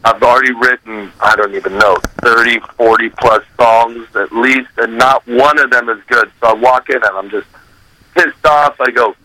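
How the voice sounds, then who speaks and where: Animated man with a very bright voice. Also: mid-range voice, moderate pace, rough recording. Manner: animated, acts out quotes and scats melodies; swears casually. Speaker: recording artist. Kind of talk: casual storytelling in an interview.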